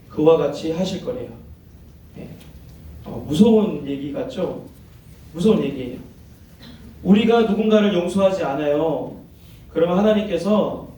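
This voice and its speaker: A man's voice: sits high, dark tone. Man, youth pastor, interactive sermon, raised voice, very reverberant hall, distant mic. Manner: asks the audience questions, acts out quoted voices. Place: church hall. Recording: very echoey hall, heard from afar.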